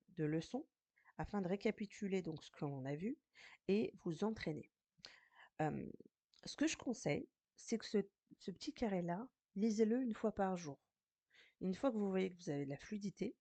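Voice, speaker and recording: A woman teaching a recorded Arabic reading lesson in French, patient and slow, sounding out each syllable. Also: mid-range voice, vocal fry, dark tone, no echo. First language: French speaker teaching Arabic.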